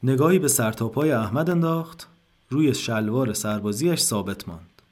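A man narrating a literary short story in a calm, measured way. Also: mid-range voice.

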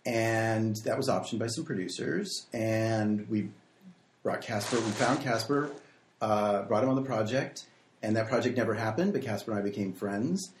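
A man's voice: fairly low pitch, moderate pace, slight background noise. A man with a standard American accent, speaking casually as an interview guest. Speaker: screenwriter and podcast guest. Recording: echoey room.

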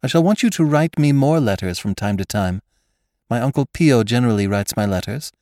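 A proud, imperious actress who snaps out orders with scorn, as a man lifts his voice high above his usual low register to play her. Her lines come out louder and sharper than the narration around them, in a dry, close sound. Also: expressive, brisk, no echo, natural voice. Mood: curt. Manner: haughty and commanding.

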